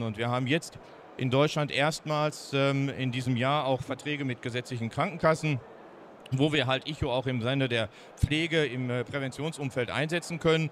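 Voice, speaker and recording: A Ruhr-accented German man in his fifties, founder of a startup, presents his product at a trade fair stand through a handheld microphone. His delivery is animated and down-to-earth, peppered with fillers and quickening in moments of pride, over a faint bit of background noise.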